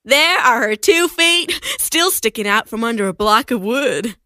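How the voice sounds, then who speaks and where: A woman's voice: on the high side, animated, measured pace, no room sound, studio quality. A woman doing a cheerful little old woman. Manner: laughing, chatty and bright.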